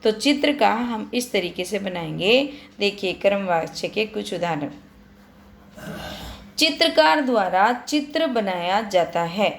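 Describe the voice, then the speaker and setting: Woman teacher, patient explainer, mid-pitched voice, talks straight to her students, voice-over for a screen lesson. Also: expressive, a little slow, gravelly, slight background noise. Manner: patient, addresses students directly, repeats points.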